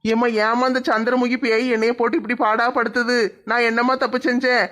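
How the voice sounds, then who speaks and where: A man's voice: very high voice, flat delivery, fairly quick, bright, forceful tone. A man playing an exasperated husband who grumbles dismissively in a comedy skit.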